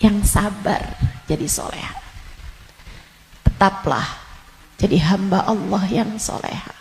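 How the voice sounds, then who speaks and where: A woman's voice: medium pitch, slow, creaky, darkish tone, in a large hall, a little hiss or hum. A woman preacher delivering a sermon, repeating her points with emphatic exhortation.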